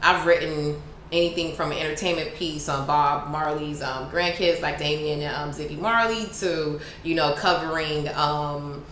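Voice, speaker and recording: A woman from Miami with a Miami accent, talking fast and informally as a journalist being interviewed. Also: low-pitched. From Miami, United States. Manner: fast, animated, informal speech. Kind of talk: casual interview chat. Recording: roomy echo with faint background noise.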